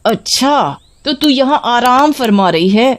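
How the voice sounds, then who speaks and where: A woman voicing a cruel middle-aged mother-in-law who scolds in a harsh, drawn-out way in a storybook tale. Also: medium pitch, close to an everyday voice. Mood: scolding.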